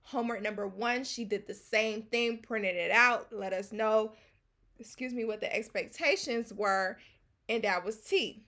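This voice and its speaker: A woman's voice: medium pitch, a little slow, pushed and bright. A young American woman co-hosting a podcast, talking casually and venting in everyday slang. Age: young adult. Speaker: podcast co-host, student.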